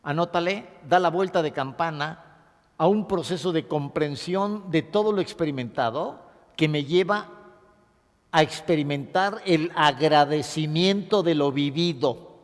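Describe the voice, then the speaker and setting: Expressive male lecturer, high-pitched. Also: unhurried, in a large hall. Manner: expressive, acts out sobs and dictates points to note. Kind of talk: classroom lecture on grief.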